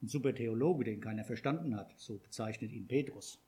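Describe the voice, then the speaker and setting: A man's voice: mid-range voice, a little fast, dark tone, husky. A man preaching a sermon, talking conversationally and asking the congregation questions.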